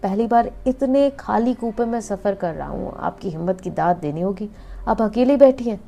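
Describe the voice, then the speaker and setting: A man's voice: sits high, expressive, moderate pace, gravelly, mellow, slight background noise. A woman voicing a friendly, teasing young male medical student chatting on a train in a storybook narration. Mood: friendly chatty.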